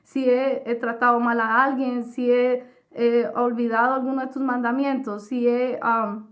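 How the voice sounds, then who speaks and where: Woman telling her testimony, earnest and halting, lots of ums, voice sits a bit high. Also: flat delivery, highs cut off. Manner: earnest, halting, with many fillers and restarts. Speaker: testimony speaker. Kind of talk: personal testimony.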